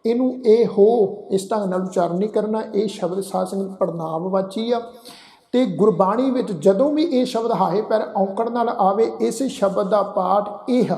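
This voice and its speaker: A man teaching scripture recitation, reading verses in a slow, drawn-out chant and then explaining pronunciation in brisk everyday speech. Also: high voice, dark tone. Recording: echoey room.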